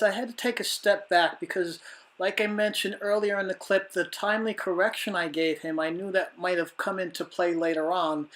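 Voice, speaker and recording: Patient woman dog trainer, roomy distant sound. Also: on the low side. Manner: patient, encouraging, praising the dog often. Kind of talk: explaining a training session.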